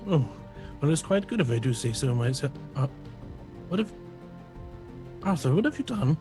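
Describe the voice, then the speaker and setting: A man's voice: on the high side, very animated, normal speed, mellow, soft background music. A man playing a stiff, polite robot crewmate. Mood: puzzled, prim. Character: formal, polite robot crewmate asking for upgrades. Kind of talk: tabletop role-play in character.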